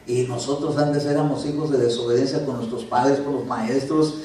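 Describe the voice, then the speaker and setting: A male pastor preaching a conversational sermon in a church, swinging from loud commands to soft asides. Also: medium pitch, fairly even intonation, normal speed, slight background noise. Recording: very echoey church hall from a distance.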